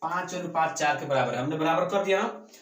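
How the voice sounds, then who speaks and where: Male math teacher, a fairly high voice, in an echoey classroom. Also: brisk, fairly bright tone, recorded from a distance. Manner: checks in with students after every step. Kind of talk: classroom lesson.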